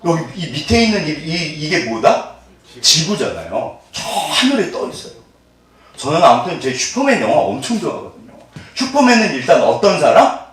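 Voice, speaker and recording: Animated male pastor in an echoey church. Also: fairly high pitch, normal speed. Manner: animated, asks the congregation call-and-response questions; jokes and laughs often. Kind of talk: sermon. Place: church sanctuary. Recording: echoey hall, mic at a distance.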